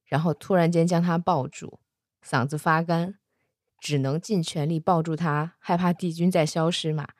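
A woman casually retelling a fantasy romance novel, chatty, with soft particles at the ends of her sentences. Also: low-pitched, steady tone, moderate pace, no echo, clean studio sound. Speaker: storyteller.

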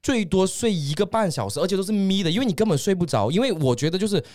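A man's voice: sits high, lively intonation, darkish tone, no echo, clean studio sound. A young man, a guest teacher on a podcast, earnestly recounting his experience in casual chat. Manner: earnest, emphatic, quick recounting.

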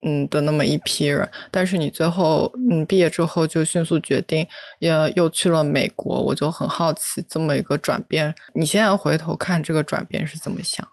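A woman podcast host asking a guest a measured, thoughtful question. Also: deep voice, steady tone, creaky, dry recording, studio quality. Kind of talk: interview question.

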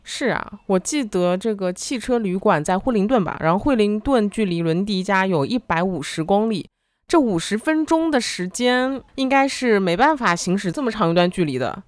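A woman's voice: medium pitch, animated, normal speed, dry recording. A woman co-hosting a podcast, chiming in with casual conversational commentary.

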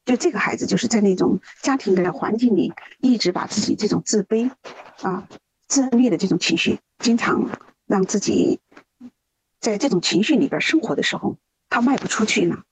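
A woman speaks with a husky, breathy edge, telling a story earnestly and hesitating often with small fillers. The sound is close and dry, with no room around it. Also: medium pitch, normal speed, dry recording, poor audio. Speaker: rescue volunteer guest. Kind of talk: podcast interview storytelling.

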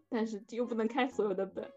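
A woman's voice: on the high side, dark tone, breathy edge. A young adult woman in casual conversation. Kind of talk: casual chat. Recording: dull lo-fi sound, music behind. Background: music.

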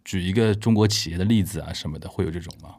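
A man hosting a casual interview, inquisitive and animated, often repeating answers back as he asks questions. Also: low-pitched, very fast. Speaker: interview host.

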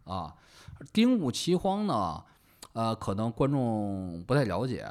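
Animated male storyteller with twang. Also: fairly low pitch, takes it slowly. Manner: lively, colloquial, acts out quoted characters. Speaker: podcast co-host. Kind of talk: casual storytelling chat.

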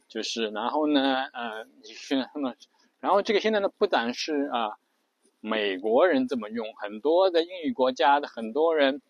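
A man casually explaining a speech habit, rambling with many fillers and stopping to demonstrate creaky, drawn-out word endings. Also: mid-range voice, dry recording.

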